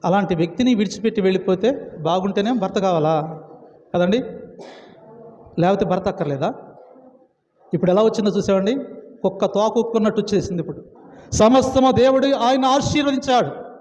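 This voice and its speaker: A man's voice: high-pitched, fairly quick, pauses often, darkish tone. A man pastor preaching a sermon, emphatic and repetitive, full of rhetorical questions. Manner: emphatic, repeating phrases and asking rhetorical questions. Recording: echoey hall, dull lo-fi sound.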